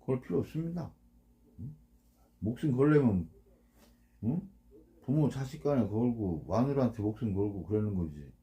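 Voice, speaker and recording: A man's voice: medium pitch, expressive, normal speed, pauses often, warm tone. A man, a fishing boat captain, giving casual blunt advice to anglers. He keeps asking for agreement and imitates the sounds of the gear. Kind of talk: casual instructional talk.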